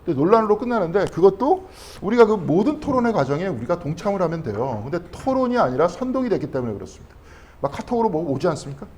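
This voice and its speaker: Quick, lively male pastor teaching. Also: high voice, slight background noise. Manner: asks the class questions, then answers them himself; conversational, checking in with frequent tag questions. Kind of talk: Bible study lecture.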